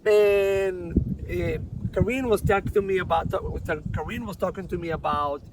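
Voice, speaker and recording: A man's voice: high-pitched, measured pace, noisy background. A man hosting a podcast interview outdoors, chatty and often repeating words as he searches for phrasing. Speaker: podcast host. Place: outdoors on a property.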